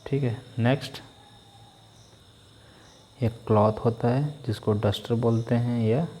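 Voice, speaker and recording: A male teacher with an Indian English accent. He reads English textbook lines aloud slowly and explains them quickly in Hindi. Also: mid-range voice, fairly even intonation, dark tone.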